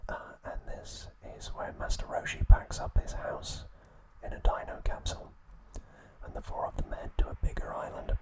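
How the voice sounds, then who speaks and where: An ASMR host, a man, whispers the entire time, relaying trivia as if telling a story. He speaks softly and unhurriedly, keeping it hushed and breath-led, though the audio quality is poor.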